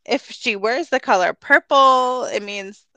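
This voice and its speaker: A woman in her thirties co-hosting a casual podcast, telling stories excitedly with frequent laughs. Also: a little high, unhurried, no echo. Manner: excited storyteller, laughs often. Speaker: podcast co-host. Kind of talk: casual chat.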